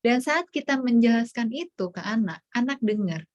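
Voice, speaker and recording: A woman's voice: on the high side, animated, normal speed, lo-fi sound. A woman psychologist giving an online parenting workshop, explaining in a chatty way and acting out what a parent might say. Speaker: child psychologist speaker.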